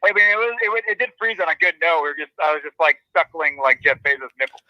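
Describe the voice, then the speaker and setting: A man co-hosting a podcast over a phone call that is held up to a loudspeaker and re-recorded, talking in a flustered, stammering way with many fillers. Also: on the high side, lively intonation, quick pace, no room sound. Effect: phone call played through a loudspeaker. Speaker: podcast co-host. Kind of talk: casual chat. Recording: muffled lo-fi phone audio re-recorded through speaker.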